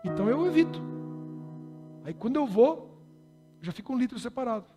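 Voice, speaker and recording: A man's voice: extremely high pitch, very animated, moderate pace, warm tone, faint music behind. A Brazilian man preaching a sermon as pastor, speaking in a conversational, humorous way and rising in emphasis on key points. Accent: Brazilian Portuguese.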